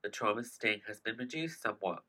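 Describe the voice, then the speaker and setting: A man hosting a scripted self-help podcast in a theatrical, soothing manner, with hushed, breathy dips in his delivery. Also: fairly low pitch, lively intonation, fairly quick. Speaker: podcast host.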